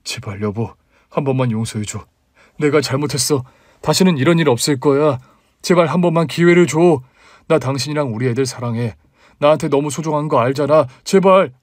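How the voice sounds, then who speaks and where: A man's voice: medium pitch, normal speed, no echo, close to an everyday voice. Man doing a caught-out husband in a storybook, defensive and pleading, dry close sound. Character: flustered cheating husband, middle-aged man.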